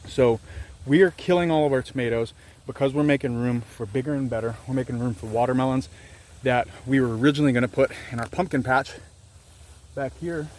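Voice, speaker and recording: Speaking briskly in a medium-pitched, darkish voice, a Louisiana man in his thirties vlogs from his organic farm. He holds the camera at arm's length outdoors and rambles candidly, often at his own expense.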